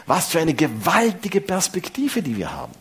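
A man, preaching a sermon in a lively, conversational way. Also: on the high side, moderate pace, husky. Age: 50s.

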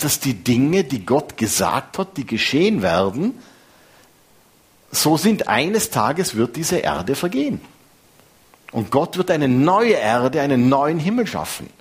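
A man, preaching a sermon in a lively, conversational way. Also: medium pitch, breathy edge. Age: 50s.

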